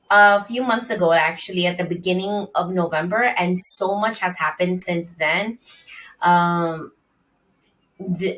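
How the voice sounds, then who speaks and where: A woman's voice: mid-range voice, fairly bright tone, far from the mic, rough recording. A middle-aged woman hosting her solo podcast in an upbeat, chatty way, with plenty of ums and uhs. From Dominican Republic. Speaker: podcast host. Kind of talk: casual solo podcast monologue.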